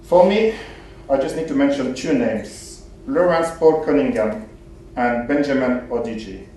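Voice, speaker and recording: A man from Cameroon, a former footballer, gives a measured, formal speech in a mellow voice. The hall rings with heavy echo, and he is heard at a distance with faint noise. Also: mid-range voice, expressive. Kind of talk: prepared speech at an event. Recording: very echoey hall, distant mic.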